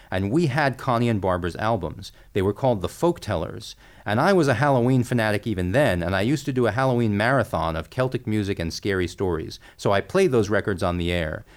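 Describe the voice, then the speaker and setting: Male podcast co-host presenting a segment. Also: on the low side. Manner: friendly, jokey presenter. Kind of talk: scripted podcast chat.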